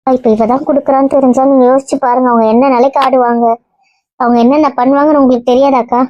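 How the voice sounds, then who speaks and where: A woman plays an anxious aunt who pleads with the family. Her voice is high and quick, and the recording is dry and muffled. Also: level tone, natural voice. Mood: worried. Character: worried aunt of the groom. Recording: muffled lo-fi sound.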